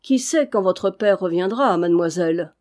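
A woman's voice: fairly low pitch, animated, moderate pace, a little mellow, close to an everyday voice. A woman reading as a cynical mocking valet. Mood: insolent. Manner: smooth, insolent, coolly ironic.

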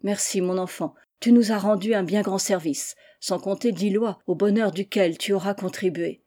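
A woman reading the part of a gentle, sorrowful aristocratic mother who speaks softly and patiently, in a mellow voice. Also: medium pitch, moderate pace, natural voice. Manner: soft, soothing, patient.

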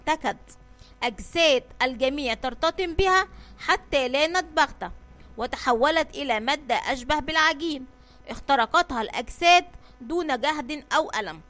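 A high-pitched woman reads a children's adventure story aloud at an even pace. She often stumbles over words and goes back to correct herself. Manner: reads steadily with frequent slips and self-corrections.

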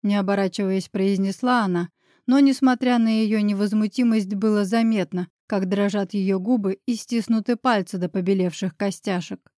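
A woman's voice: mid-range voice, steady tone, normal speed, warm tone, no echo. Woman narrating an audiobook, dry sound. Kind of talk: scripted narration.

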